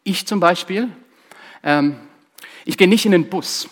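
Husky-voiced preacher, emphatic. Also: male voice, high-pitched, measured pace. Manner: emphatic, repeats key phrases, addresses listeners directly. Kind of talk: sermon.

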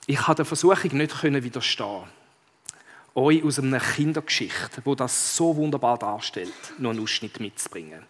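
A man's voice: mid-range voice, fairly bright tone, in a large hall. A man preaching a sermon, talking conversationally and putting questions to his listeners. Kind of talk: sermon with read-aloud story passage.

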